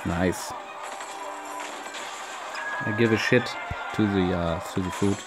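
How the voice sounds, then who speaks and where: A man's voice: low voice, fairly even intonation, takes it slowly, over music. A young man with a German accent commentates a strategy game he is playing at home, cursing at his troops and talking to his viewers. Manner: frustrated, swearing, talks to viewers. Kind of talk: casual gameplay commentary.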